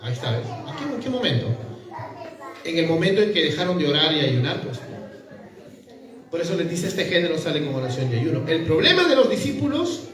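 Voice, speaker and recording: A man's voice: high-pitched, wildly swooping pitch, brisk, pauses often, fairly bright tone. A man, preaching a sermon in a conversational way, full of rhetorical questions. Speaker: pastor. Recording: echoey room from far off, with a crowd.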